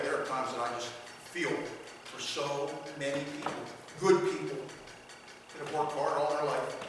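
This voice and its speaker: A man from a sheriff's office giving a talk to an audience. He talks conversationally, repeats himself and asks the room "okay?" and "right?". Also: mid-range voice. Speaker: public speaker from a sheriff's office. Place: large echoey hall with an audience. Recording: echoey hall from far off, faint hiss.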